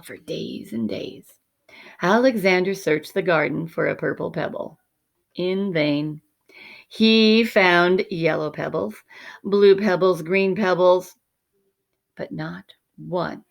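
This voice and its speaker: A woman teacher with a lowish, creaky voice reads a children's picture book aloud expressively. Her delivery is measured and dramatic, often sinking to a hush.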